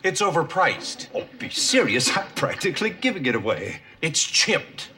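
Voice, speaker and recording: A man's voice: fairly high pitch, huge pitch swings, moderate pace, bright, forceful tone, heavily acted. An actor playing a pompous, indignant father of a household that has run out of money. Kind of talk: sitcom acting. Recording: studio audience laughter behind.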